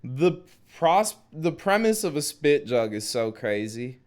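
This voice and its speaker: A man's voice: fairly high pitch, very animated, unhurried, a little mellow. A man streaming live, reacting casually to videos and joking with his chat. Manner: laid-back, joking asides to chat.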